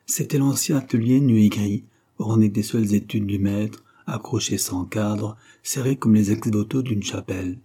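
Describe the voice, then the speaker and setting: A man narrating a classic novel as an audiobook in a steady, measured storytelling manner. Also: fairly low pitch, husky.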